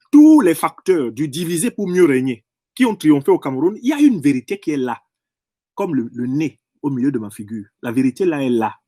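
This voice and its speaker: A man's voice: sits high, darkish tone, no room sound, clean studio sound. A man delivering an impassioned political monologue in French, emphatic and professorial, often repeating and rephrasing phrases to drive a point home. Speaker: political commentator.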